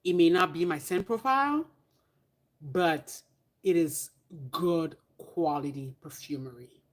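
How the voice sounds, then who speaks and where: A woman vlogger chatting casually to camera about perfume, candid and animated, with playful asides and the odd whisper. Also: low voice, slow.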